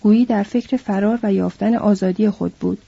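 A woman reading a novel aloud as an audiobook narrator, in a measured, descriptive way. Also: mid-range voice, steady tone, gravelly, dark tone, breathy edge, no room sound. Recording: dull lo-fi recording.

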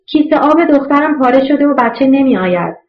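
A desperate middle-aged mother pleads in short, urgent words, as a woman storyteller puts her on. Her voice sits higher than the narration, and the recording is dull and lo-fi. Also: expressive, roomy sound.

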